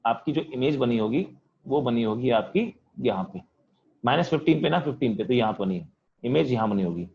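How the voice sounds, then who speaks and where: A physics teacher speaking, leading an online class in a loud voice that he says is straining from all the shouting. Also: medium pitch, expressive, a little fast, vocal fry, dull audio, a little hiss or hum. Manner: talks loudly to students, says he is shouting. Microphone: computer mic on video call.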